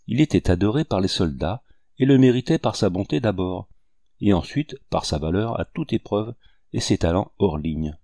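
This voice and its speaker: A man narrating a historical novel in a measured, descriptive audiobook reading. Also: low voice, expressive, gravelly, dark tone, no echo, clean studio sound.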